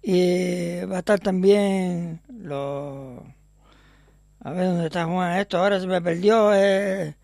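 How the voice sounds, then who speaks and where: A man's voice: high-pitched, slow pace, creaky, a little mellow, no room sound, studio quality. A man hosting a local radio show in a chatty, rambling way, with joking asides. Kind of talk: casual radio chat.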